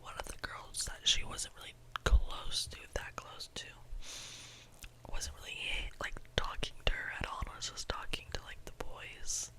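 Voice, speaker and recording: Young adult ASMR creator, fully whispered through cupped hands, breathy and close, lingering on repeated phrases. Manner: repeats phrases slowly for effect.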